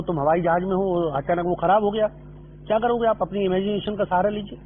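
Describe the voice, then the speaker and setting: A middle-aged man lectures on acting in a patient, explaining way, dropping English terms into his talk. His voice sits high for a man. The sound is narrow and phone-like, with a faint hum behind it. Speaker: drama lecturer. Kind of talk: spoken lecture. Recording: tinny phone-line audio with faint hum.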